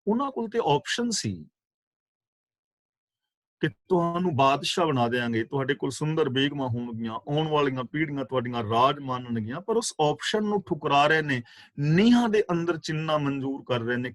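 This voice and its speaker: A man's voice: fairly high pitch, expressive, dry recording. Fervent man preaching a scripture class. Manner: recites verses slowly, then explains pronunciation and meaning; rhetorical questions, fervent emphasis. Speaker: katha preacher. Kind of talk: scripture exposition.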